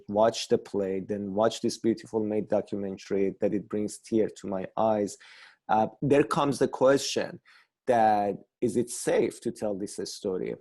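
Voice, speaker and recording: Earnest guy, theater director, low mellow voice, kinda halting, talking over a video call. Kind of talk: online workshop talk.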